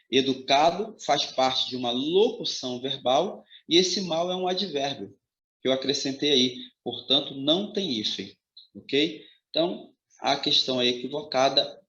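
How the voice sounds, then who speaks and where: Man, grammar teacher, exam-prep lecture, bright voice, roomy sound. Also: a little high. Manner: emphatic, checks in with "ok?" and "tá?". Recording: roomy, slightly dull audio.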